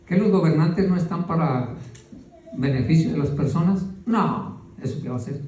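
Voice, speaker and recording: A man's voice: on the high side, lively intonation, normal speed, mellow. A man, a pastor preaching a folksy sermon to his congregation, calling them brother. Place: church hall. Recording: echoey church from far off.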